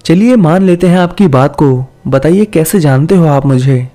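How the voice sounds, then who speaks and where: A man's voice: on the high side, animated, moderate pace, mellow, close to an everyday voice. A man voicing a friendly, amused young office worker who talks in a light, teasing, polite way. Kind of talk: storybook character voice.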